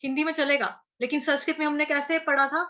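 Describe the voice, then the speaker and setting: Bright high-voiced North Indian woman teaching. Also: level tone, muffled recording. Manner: patient, repeats syllables slowly and chants verse lines. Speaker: Sanskrit chanting teacher. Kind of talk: verse pronunciation lesson.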